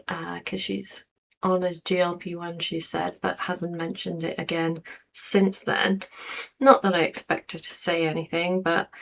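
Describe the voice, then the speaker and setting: Woman, 40s, vlogger; low-ish voice, slow and meandering casual chat. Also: vocal fry, slight background noise. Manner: rambling, chatty, with frequent fillers and laughs. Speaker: YouTuber.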